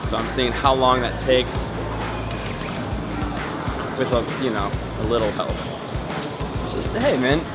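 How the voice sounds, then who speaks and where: Male vlog host, medium pitch, casual and dryly wry explainer delivery, music bed underneath. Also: a little slow, pauses often. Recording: music behind the voice. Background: music and airport bustle.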